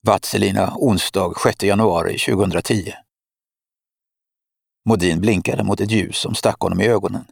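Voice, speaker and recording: Male audiobook narrator, steady and measured, gravelly voice, dry close recording. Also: on the low side, dry recording. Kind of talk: scripted narration.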